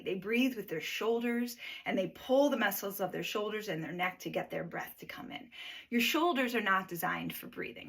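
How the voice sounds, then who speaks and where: A woman teaching a guided breathing lesson in a relaxed, conversational way, often checking in with the listener. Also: mid-range voice, slightly rough. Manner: conversational, coaching, checks in with "right?".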